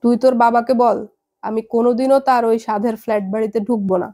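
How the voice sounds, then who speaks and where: A woman's voice: fairly high pitch, fairly even intonation, brisk, warm tone, lightly acted. A woman voicing an angry, proud middle-aged mother who scolds her daughter over the phone in a heavy voice. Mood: scolding, furious.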